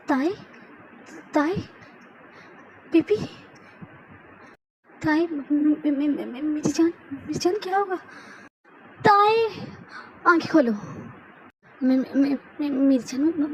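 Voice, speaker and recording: A woman's voice: high-pitched, a little hiss or hum. A woman voicing a hot-tempered young male mafia boss in a fan audio drama, talking emotionally with repeated stammers.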